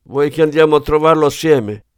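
A man voicing a frightened, corrupt male police detective in an audiobook, shrill and pleading. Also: brisk, darkish tone, smooth, no room sound, clean studio sound, close to an everyday voice. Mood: cowed.

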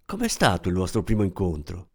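A man's voice: low-pitched, big pitch swings, fairly quick, full character voice. A man voicing a chatty, effusive woman who sells dresses, with gushing sales patter. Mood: eager. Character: chatty middle-aged woman dress seller.

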